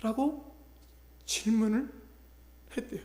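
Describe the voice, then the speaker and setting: A man's voice: very high-pitched, takes it slowly, a little mellow, roomy sound. A male pastor preaching a sermon, retelling a conversion story and voicing the people in it. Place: church sanctuary.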